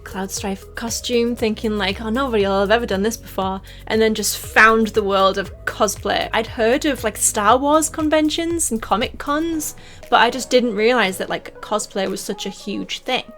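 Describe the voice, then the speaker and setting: A young woman from northeast England, with a softened Teesside accent, chatting in a casual Q&A vlog. She rambles with lots of "like" and little laughs as she answers fan questions. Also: fairly high pitch, measured pace, faint music behind. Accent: softened Teesside English.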